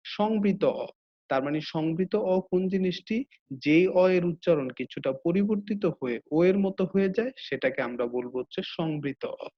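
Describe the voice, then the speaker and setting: A male teacher with a Bangladeshi Bengali accent gives a slide-based grammar lesson, patiently repeating each rule twice. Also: a little high. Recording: dull lo-fi audio.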